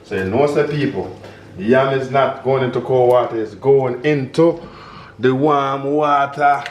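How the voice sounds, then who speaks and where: A man with a Jamaican accent hosting a relaxed cooking video, talking the viewer through each step and slipping into patois phrases. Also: medium pitch, a little slow, dull audio, slight background noise. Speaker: home cook and vlog host. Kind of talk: casual cooking demonstration. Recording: echoey kitchen with background music.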